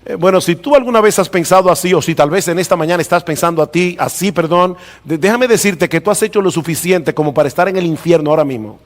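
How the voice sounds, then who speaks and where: A male pastor preaching a sermon in a church hall, stressing key words by slowing down and rising. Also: sits high. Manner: emphatic preaching, slows down and rises for stress. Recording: long reverb of a hall.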